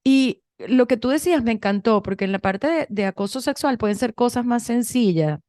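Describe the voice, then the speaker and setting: A woman's voice: fairly high pitch, normal speed, dry recording. Chatty Venezuelan woman, dry sound. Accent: Venezuelan Spanish. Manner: chatty, animated storytelling with many restarts. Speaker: podcast co-host. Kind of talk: casual conversation.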